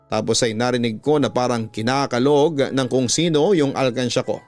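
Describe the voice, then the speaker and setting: Over background music, a man with a Filipino accent narrates a scripted story in a dramatic radio storytelling style. His voice is medium in pitch with a darkish tone.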